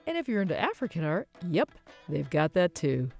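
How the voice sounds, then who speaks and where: A woman's voice: low voice, very animated, brisk, creaky. A woman narrating a shopping vlog about antiques and home decor in an enthusiastic, gushing way. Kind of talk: casual shopping vlog voice-over. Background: soft guitar music.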